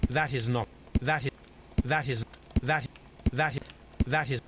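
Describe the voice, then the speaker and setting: A man voicing a reserved, methodical middle-aged detective in a video game, reasoning out clues in a measured, deliberate way. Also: mid-range voice, fairly even intonation, lightly acted. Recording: game audio with noisy ambience behind.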